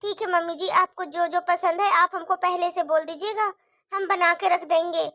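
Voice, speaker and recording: A woman's voice: very high-pitched, fairly even intonation, normal speed, no echo, studio quality. A woman voicing a tired young wife and mother who pleads and defends herself in a cartoon story. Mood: pleading. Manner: pleading, defensive, soft complaining. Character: weary put-upon young wife with children.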